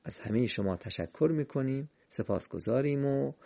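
A man teaching the rules of Quran recitation in a patient, step-by-step way, slowly chanting example verses. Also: mid-range voice, lively intonation, vocal fry, warm tone, lo-fi sound. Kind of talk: recorded lesson on recitation rules.

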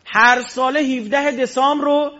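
A man's voice: extremely high pitch, steady tone, bright, forceful tone. A man giving a storytelling sermon, asking rhetorical questions and answering them himself. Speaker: religious lecturer. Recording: dull lo-fi recording.

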